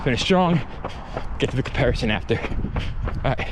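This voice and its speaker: A man's voice: medium pitch, expressive, fairly quick. Man vlogging mid-run, noisy outdoors. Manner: talking while running, in short broken phrases. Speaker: running shoe vlogger. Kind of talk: casual vlog talk to camera. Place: outdoors on a running route.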